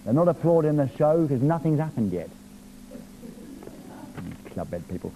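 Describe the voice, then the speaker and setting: A man hosts a live television music show in a studio, reading out viewer messages with a jokey, playful edge. His voice sits high and swoops around animatedly. A faint hiss of noise lies under it. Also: very animated, normal speed, dark tone.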